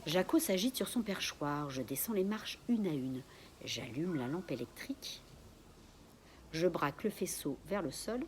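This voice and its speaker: A woman's voice: low-pitched, animated, measured pace, slight background noise. A woman reading her own suspense story aloud in the first person, sometimes dropping to a whisper, with a few restarts after slips. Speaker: author reading her book.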